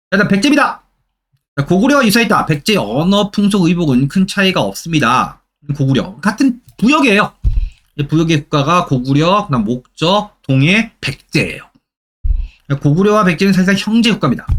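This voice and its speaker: A middle-aged man lecturing for exam preparation, constantly asking rhetorical questions and repeating key terms for emphasis. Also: fairly high pitch. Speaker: history lecturer.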